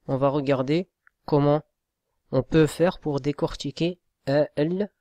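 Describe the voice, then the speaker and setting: A man teaches Arabic reading in a slow, patient spoken lesson. He spells each sound out letter by letter and keeps checking that his listeners follow. His voice sits a little high and sounds dry and close to the mic. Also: fairly even intonation, warm tone, no room sound.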